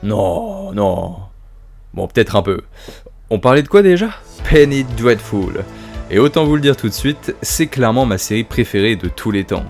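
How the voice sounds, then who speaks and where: A man's voice: fairly low pitch, very animated, normal speed, creaky, a little mellow, faint music behind. A man hosting his own video review, talking casually about horror series with swearing, self-mocking asides and enthusiasm.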